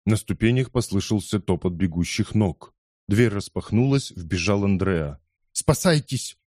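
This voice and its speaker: A man reading a first-person story aloud in a measured storytelling manner. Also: fairly low pitch, dark tone, no echo, clean studio sound. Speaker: audiobook reader. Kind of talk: scripted first-person narration.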